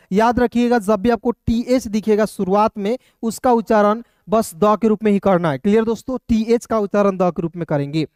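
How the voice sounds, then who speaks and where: Male English tutor, patient and repetitive, spells words out and quizzes himself; light voice, soft tone. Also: sits high, dry recording, clean studio sound. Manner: spells words out letter by letter, then asks and answers his own question; patient, repetitive, often says "clear" and "friends". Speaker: English teacher. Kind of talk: step-by-step spelling and pronunciation lesson.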